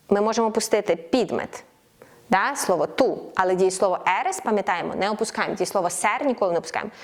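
Woman teaching Spanish slowly. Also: medium pitch. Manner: explains clearly, slows right down for example phrases. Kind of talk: online language lesson.

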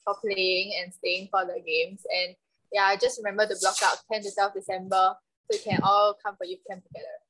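A woman's voice: mid-range voice, flat delivery, a little fast, a bit bright, poor audio. A young woman with a Singaporean accent and a mid-range voice hosts an online game. She talks casually over a video call, dropping in Singlish particles as she goes. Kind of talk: casual chat hosting a guessing game. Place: indoor room, video call.

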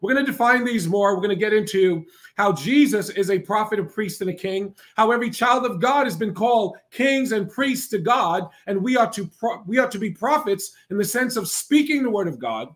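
High-voiced man preaching with emphatic cadence. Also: animated, fairly quick, few pauses, fairly bright tone. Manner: emphatic, repetitive cadence with frequent "right?" asides. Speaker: preacher and broadcast host. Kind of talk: preaching to a live online audience.

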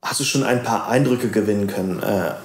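A man's voice: on the low side, fairly quick, reverberant, slight background noise. A man co-hosting a podcast interview, asking questions hesitantly with many fillers. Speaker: volunteer co-host.

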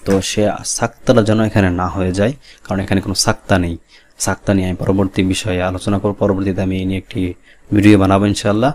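A man teaching Quran reading, spelling out letters and vowel marks slowly, repeating each drill and explaining the rules earnestly. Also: low-pitched, flat delivery, darkish tone, slight background noise. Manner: explains rules plainly and earnestly, urging students to read along. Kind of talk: step-by-step recitation lesson.

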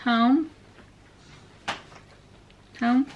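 A woman's voice: on the high side, drawn-out words, dull audio. A woman chatting casually at home during dinner as she patiently coaxes answers out of her young child. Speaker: mother and channel host. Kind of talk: casual home vlog chat. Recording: loud background noise.

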